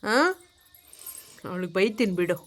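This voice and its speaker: A woman filming a casual home vlog, talking gently and coaxingly as a mother and chatting to her viewers. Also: fairly low pitch, fairly even intonation, unhurried, soft background music. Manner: gentle, coaxing, soft-spoken. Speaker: vlogger and mother.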